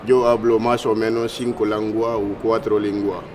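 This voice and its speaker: A man's voice: on the low side, flat delivery, normal speed. A man from Guinea with a Guinean accent, speaking imperfect second-language Spanish in a street interview. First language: not Spanish. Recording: outdoor street with clear traffic noise.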